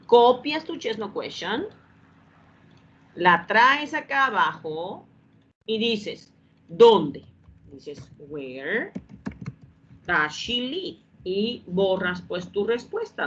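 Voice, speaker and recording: A woman's voice: mid-range voice, big pitch swings, slow, pushed and bright. A woman teaching an English grammar lesson, patiently repeating each step and asking whether the class has understood. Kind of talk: classroom explanation. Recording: dull lo-fi sound with faint background hum.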